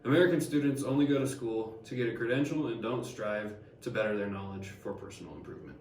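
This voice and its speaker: A man's voice: on the low side, fast, darkish tone, a little hiss or hum, natural voice. Harriet Martineau, learned older woman, a young man reading, echoey room, distant mic. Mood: measured. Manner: reads plainly with small stumbles. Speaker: student actor. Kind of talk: amateur class skit read from script.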